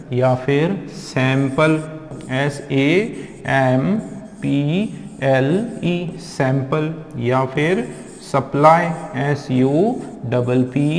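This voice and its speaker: A man's voice: medium pitch, a little mellow. A man teaching a classroom lesson who spells words out letter by letter and addresses his viewers as friends. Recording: echoey room with long reverb.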